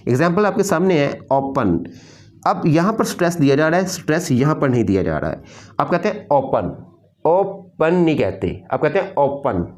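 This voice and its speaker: A man's voice: on the high side, sing-song, fairly quick. A man teaching an English grammar lesson, explaining patiently and repeating key points.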